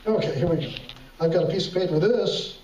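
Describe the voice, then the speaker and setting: On a talent show stage in an echoey hall, a man does comedy magic patter like a kids' party magician and emcee, playfully coaxing the audience to respond. His voice sits high with a darkish tone and a fairly quick pace. The recording is muffled and distant, with some hiss or hum, plus music and crowd noise.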